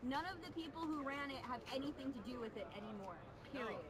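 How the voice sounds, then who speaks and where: A woman with a high voice talks quickly and firmly, insisting on what she says. She is picked up from a distance through a loud crowd. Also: lively intonation. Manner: insistent, states claims firmly. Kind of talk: casual chat.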